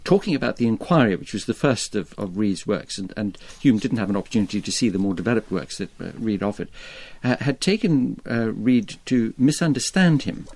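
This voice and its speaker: A man taking part as a guest on an academic panel, talking eagerly with many halting restarts. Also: lowish voice, expressive, a little mellow.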